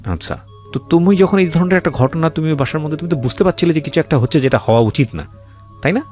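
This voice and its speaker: This show host has a fairly high voice with a darkish tone, speaks quickly, and has faint music playing behind him. He's a Bangladeshi-accented man who interviews guests with pointed, directive questions, mixing in English words.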